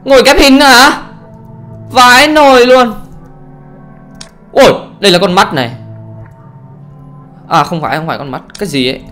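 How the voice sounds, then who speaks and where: A man giving let's play commentary on a horror game, excitable and often exclaiming and swearing casually. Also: extremely high pitch, normal speed, long pauses, faint music behind. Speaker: gamer, channel host.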